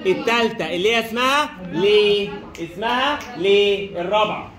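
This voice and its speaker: A high-pitched man with an Egyptian Arabic accent runs a classroom lesson, repeating every question and answer as he quizzes students. His voice rings around an echoey room. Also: normal speed, crowd noise. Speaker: French teacher.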